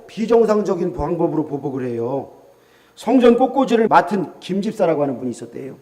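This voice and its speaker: A man's voice: sits high, a little mellow. A male pastor with a Gyeongsang accent preaching a sermon, telling stories and acting out the voices of church members, repeating key phrases for emphasis.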